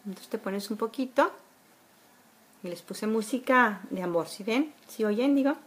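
A woman's voice: mid-range voice, measured pace, a bit bright, breathy edge. A woman, chatting casually through a makeup tutorial at home, with a lot of filler words. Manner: chatty, homely, many fillers. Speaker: beauty vlogger. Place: bedroom at home. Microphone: phone camera at arm's length.

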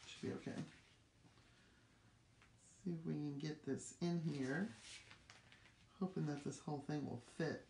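Middle-aged woman, low-ish voice, chatty craft demo, roomy echo. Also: steady tone, measured pace, long pauses, warm tone. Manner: chatty, upbeat, talks while working. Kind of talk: live craft demonstration. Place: craft room with table. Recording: echoey room with clear background noise.

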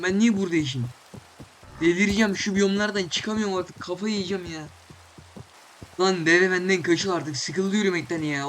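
A young man with a notably high voice talks over his gameplay, getting more and more exasperated as he grumbles and swears casually. He keeps chatting to the animals in the game, and a soft patter of rain runs behind him. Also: a little hiss or hum. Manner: swears casually, exclaims loudly. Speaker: gaming channel host. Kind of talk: Minecraft let's play commentary.

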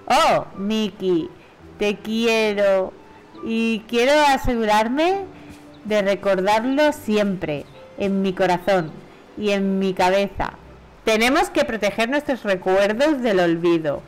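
A woman with a Spain Spanish accent reading aloud the lines of a sweet, lovesick female cartoon mouse from a video game, slowly and gently. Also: mid-range voice, faint music behind, natural voice. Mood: tender.

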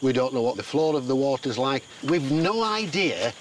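A man's voice: mid-range voice, sing-song, moderate pace, slight background noise. An older man, a retired police officer, taking charge of a survival group outdoors in the jungle. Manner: forceful, takes charge, objecting.

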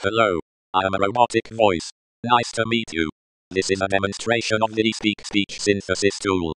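A computer text-to-speech program speaking in a synthesized male robot voice with a flat, mechanical delivery. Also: on the low side, normal speed, slight background noise, low-quality recording.

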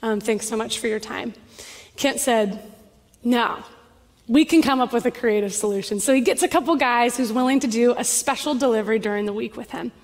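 A woman pastor preaching a sermon to her congregation and telling a story in a lively way. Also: fairly high pitch, a little fast. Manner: storytelling, animated. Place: large church hall. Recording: long reverb of a church hall.

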